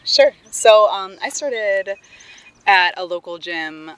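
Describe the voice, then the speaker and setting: A woman giving a casual, informal interview outdoors as a guest, talking somewhat haltingly. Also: medium pitch, expressive, fairly bright tone, clear, resonant tone. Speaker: interview guest, Pilates studio co-owner.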